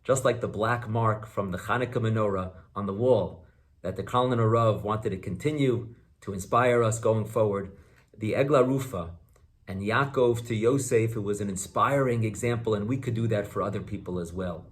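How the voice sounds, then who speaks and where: A man speaking as a rabbi in a sermon, earnest and questioning, posing points and explaining them with deliberate emphasis. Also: fairly low pitch. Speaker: rabbi giving a Torah talk.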